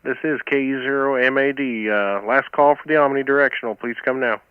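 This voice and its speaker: An American man hosts an amateur radio net over two-meter two-way radio, chatting casually and calling for check-ins. His mid-range voice moves a little fast, with a clean tone on a dry, narrow, tinny, band-limited recording.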